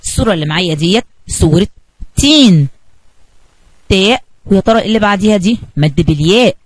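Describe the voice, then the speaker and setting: A woman's voice: mid-range voice, expressive, fast, no room sound, poor audio. A woman with an Egyptian Arabic accent teaching a kindergarten spelling lesson, asking the children questions and answering them herself.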